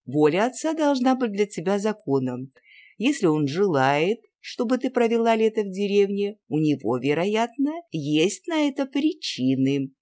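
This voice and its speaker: A reader voicing a cool, dismissive middle-aged aristocratic aunt in an audiobook. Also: female voice, medium pitch, very animated, normal speed, warm tone, voice pushed up, lightly acted. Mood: stern.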